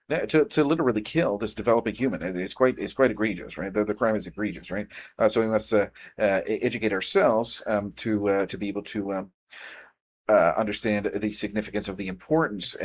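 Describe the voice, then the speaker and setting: Man, lecture over slides, lowish pitch, halting, lots of fillers and restarts, keeps asking right?, emphatic. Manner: indignant, emphatic outbursts. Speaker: presenter explaining embryology.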